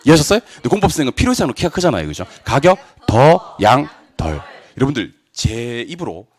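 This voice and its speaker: A middle-aged man giving a classroom lecture, drilling students with quick questions and answers and joking asides. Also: mid-range voice, big pitch swings. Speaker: real estate exam lecturer.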